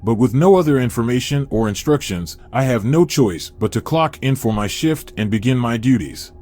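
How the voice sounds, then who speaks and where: Male narrator, mid pitch, steady first-person horror storytelling. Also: normal speed.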